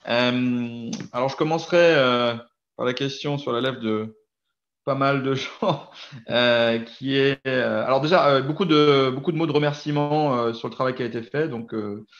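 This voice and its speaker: A man leading a company results presentation, answering investor questions frankly with many hesitant fillers. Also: medium pitch. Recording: roomy, dull lo-fi sound.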